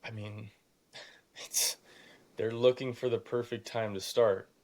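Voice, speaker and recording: An eighteen-year-old man, a young real estate investor, appears as a podcast guest, telling motivational stories in a casual, emphatic, conversational way and acting out imagined dialogue. His youthful voice still cracks at times, yet it is lowish, steady, slow and a little mellow.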